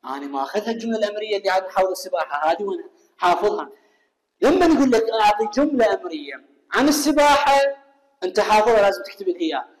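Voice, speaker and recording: A man with an Iraqi Arabic accent teaching an English lesson. He asks his students questions and answers them himself, and reads the English example sentences slowly and carefully. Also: high voice, animated. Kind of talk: recorded classroom lesson. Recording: echoey room with long reverb.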